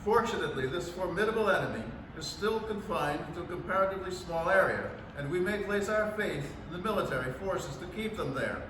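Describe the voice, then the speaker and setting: Man acting solemn government official, high-pitched, formal measured oratory, radio drama, distant recording. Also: animated. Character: grave male government official giving a solemn national address. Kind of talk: staged reading of 1930s radio drama. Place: library room, staged reading filmed from a distance. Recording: echoey, noisy hall from far off.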